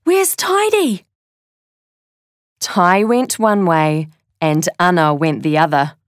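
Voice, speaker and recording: Woman narrator, children's read-aloud, unhurried and deliberate, dry close mic. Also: deep voice, clean tone, dry recording. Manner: slow, deliberate storytelling.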